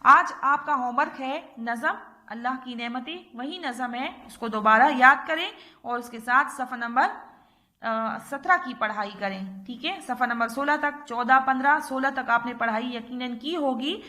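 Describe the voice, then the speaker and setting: A woman teacher with an Urdu-speaking Pakistani accent leads a recorded class for small children. Her voice sits high and sounds bright and crisp. She talks patiently, checks in with the class again and again, and stretches out each sound as she drills it. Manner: patient, repeats "theek hai" often, drills letters slowly. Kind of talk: recorded online class lesson.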